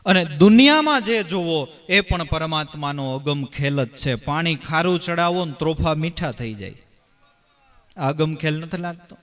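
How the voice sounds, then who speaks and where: A man preaching a devotional discourse in a slightly raised voice. He tells it with animation, pushing his voice up for emphasis and then letting it fall quiet, and keeps asking rhetorical questions. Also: on the high side, unhurried. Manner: animated storytelling, raising and dropping his voice for emphasis. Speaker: devotional preacher and bhajan singer.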